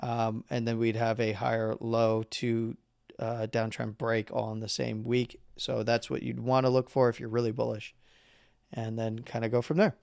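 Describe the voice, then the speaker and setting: A man hosting a live market analysis stream who is losing his voice, talking casually through chart levels with halting fillers and the odd throat-clear. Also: mid-range voice, monotone, a little mellow, dry recording, clean studio sound. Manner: halting, with fillers and number readouts; clears throat and coughs now and then.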